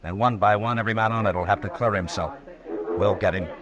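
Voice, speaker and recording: A man playing a calm, authoritative frontier marshal in a radio western, with an American accent and a measured, laconic delivery. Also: on the low side, lo-fi sound, close to an everyday voice. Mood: firm, probing. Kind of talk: 1950s radio western acting.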